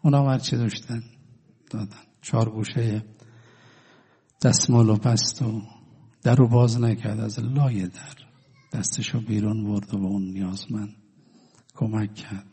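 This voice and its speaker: Male preacher, sermon with storytelling, very raspy voice, dramatic loud-soft delivery, long hall echo. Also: lowish voice, fairly even intonation. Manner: dramatic, swinging between loud declaiming and hushed drawn-out words.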